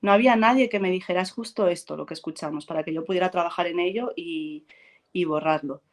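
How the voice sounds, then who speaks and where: A Spanish actress talks fast in a fairly low voice while chatting casually with an interviewer. She spins vivid stories, voicing the quoted lines herself and laughing often.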